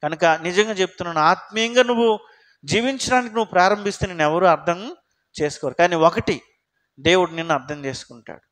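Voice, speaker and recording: A man's voice: sits high, quick pace, fairly bright tone. A man preaching a sermon as pastor, talking in a conversational way and putting frequent questions to the congregation.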